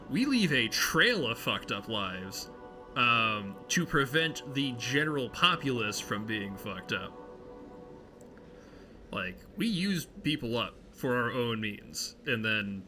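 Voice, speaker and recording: A man's voice: mid-range voice, big pitch swings, measured pace, bright, forceful tone, faint music behind. A young man playing a tabletop game, talking brashly and joking. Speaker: player.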